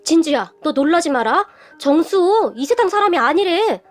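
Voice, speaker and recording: A woman's voice: very high-pitched, very animated, moderate pace, soft background music. A woman voicing a blunt, irritable young female friend who speaks in a brusque, gossipy way, in a storybook narration.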